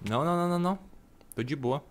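A man's voice: a little high, rapid-fire, a little hiss or hum. A man with a Brazilian accent hosting a gameplay session, chatting casually with slang and bursts of surprise. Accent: Brazilian Portuguese. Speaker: gaming channel host. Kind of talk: casual gaming chat.

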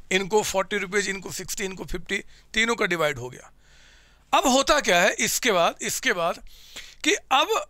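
A man's voice: high-pitched, pushed and bright, no room sound, studio quality. A man, teaching a commerce lecture through home examples, asking questions and answering them himself.

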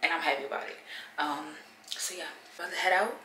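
Talking fast into her phone camera at arm's length, a twenty-something vlogger with a stuffy nose chats casually from her bedroom, filling her rambling with fillers. Her lowish voice sounds pushed and bright. The low-quality audio has reverb and slight background noise.

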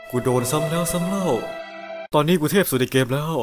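Young man, crude comedic parody dub, brash, swearing, very fast, slightly high voice. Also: music in the background. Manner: brash, swearing, rapid-fire jokes. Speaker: parody dubber.

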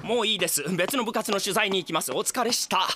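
A woman's voice: mid-range voice, fast, background noise, natural voice. A woman voicing a fussy, blunt manga artist conducting an interview in an anime comedy. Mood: exasperated. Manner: polite questioning that flips into exasperated retorts.

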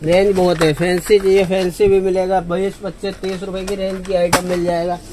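A shopkeeper showing his cosmetics stock in a crowded shop, reeling off prices per dozen and per piece in a steady sales patter. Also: sits high, normal speed, background noise. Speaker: wholesale shopkeeper. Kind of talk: sales pitch.

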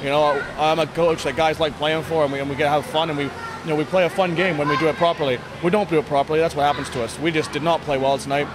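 Speaking into a handheld interview microphone, this thirtysomething ice hockey bench coach gives a candid, casual post-game interview at a quick pace in a fairly high voice. His intonation stays fairly even while his plain delivery halts and circles back over words. Clear venue noise and ambience fill the indoor sports hall with its blue block walls.

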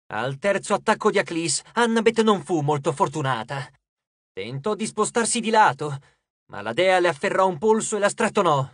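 A man narrating an audiobook in a steady, expressive storytelling voice. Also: on the high side, no echo, studio quality. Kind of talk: scripted narration.

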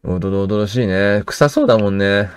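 A man playing through a game and talking over it in a relaxed, joking way. His voice sits low. The asides come loose and casual. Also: fast talker, clear, resonant tone, faint music behind. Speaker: game streamer.

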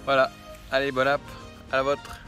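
A man's voice: medium pitch, normal speed, faint music behind. Young man vlogging from his phone. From France. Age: 20s. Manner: relaxed chatty, lots of fillers. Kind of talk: casual travel vlog. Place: outdoors by the sea and in a camper van. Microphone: phone at arm's length.

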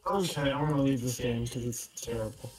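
A man chatting casually over a headset voice-chat mic during a game stream, quick and joking. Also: medium pitch, reverberant, over music, rough recording. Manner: joking, quick back-and-forth. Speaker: co-player on stream. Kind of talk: casual gaming banter.

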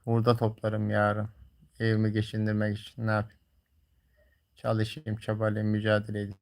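A man's voice: on the low side, completely flat delivery, moderate pace, creaky, darkish tone. A man livestreaming, talking casually and colloquially to viewers in a grumbling, teasing way. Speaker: live streamer.

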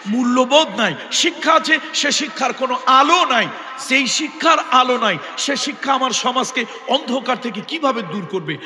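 A man's voice: very high voice, pushed and bright. A man preaching an Islamic sermon, emphatic, repeating phrases and putting questions to his listeners. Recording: echoey hall.

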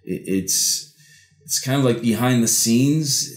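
A man giving an improvised mystical horoscope reading as a tarot reader, halting and repeating words as he interprets. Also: mid-range voice. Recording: roomy echo.

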